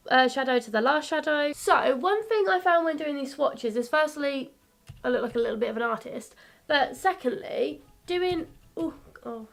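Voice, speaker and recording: Woman, 22, beauty vlogger; higher voice, gravelly and croaky, bubbly, chatty, laughs at herself. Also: a bit bright. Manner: bubbly, chatty, self-mocking. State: croaky, coming down with a cold. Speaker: beauty YouTuber. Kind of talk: casual makeup tutorial chat.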